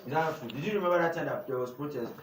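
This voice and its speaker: A young Nigerian man with a slightly high voice teaches a group indoors, asking questions back to them. He is recorded from across an echoey room. Steady background noise runs under his voice. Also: racing. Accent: Nigerian English. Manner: call-and-response questioning. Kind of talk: teaching a youth class. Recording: echoey room from far off, noisy.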